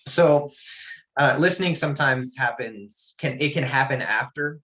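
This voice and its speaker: A middle-aged man teaching a class over a video call, telling a personal story in a relaxed, reflective way with many restarts. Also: mid-range voice, measured pace, rough recording.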